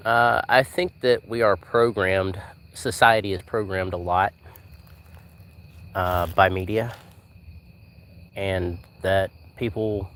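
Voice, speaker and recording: A man in his forties hosts a casual live stream while walking outdoors at night, rambling easily and answering viewers by name. His voice sits low with a fairly bright tone.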